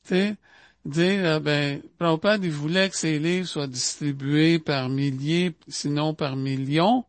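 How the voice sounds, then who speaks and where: A man's voice: fairly high pitch, steady tone, no room sound. A man with a Québécois accent giving an informal spiritual talk. He speaks conversationally, with lots of asides and repetitions. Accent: Québécois French. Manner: conversational, repeats itself and fills pauses with asides.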